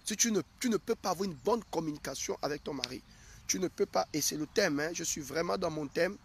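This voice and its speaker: A man's voice: a little high, expressive, a little fast, creaky, slight background noise. A male prophet giving a live sermon, speaking straight to his listeners and hammering his point with repeated questions. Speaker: prophet preaching to his followers.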